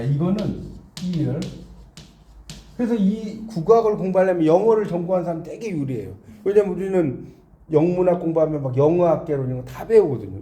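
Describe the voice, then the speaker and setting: A man's voice: on the high side, warm tone, echoey room, slight background noise. A man tutoring a student through exam questions in a casual lecturing way, often repeating himself and correcting his own slips.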